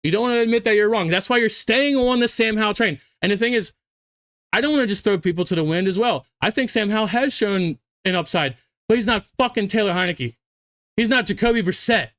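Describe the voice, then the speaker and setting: Drunk high-pitched man on a ranting tirade. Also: brisk, a bit bright, no room sound, studio quality. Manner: emphatic, repeats phrases for stress. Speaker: sports fan commentator. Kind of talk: heated, profane sports rant.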